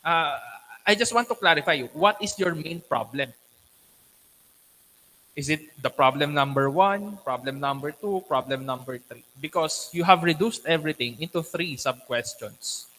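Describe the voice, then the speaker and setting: A man on a thesis panel, questioning critically in a deliberate, instructive academic manner. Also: on the high side, animated, bright, forceful tone. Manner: deliberate, instructive, frequently checking with "okay". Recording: echoey hall with long reverb.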